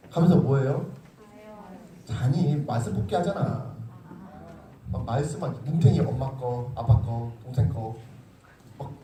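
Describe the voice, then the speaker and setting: Animated young male youth pastor preaching. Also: on the high side. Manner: informal, teasing, acts out quotes with laughter. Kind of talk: sermon to middle schoolers. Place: church sanctuary. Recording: echoey room, far from the mic.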